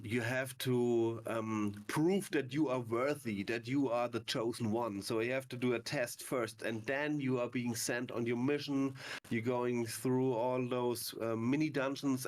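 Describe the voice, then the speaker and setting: A man, a game director, answering interview questions and explaining things step by step. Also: mid-range voice.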